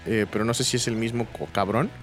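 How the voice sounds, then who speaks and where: A young man with a Mexican Spanish accent co-hosting a podcast, chatting casually in an animated, slangy way. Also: lowish voice, fast, faint music behind. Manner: animated, slangy, laughs often. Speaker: podcast co-host. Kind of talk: casual chat.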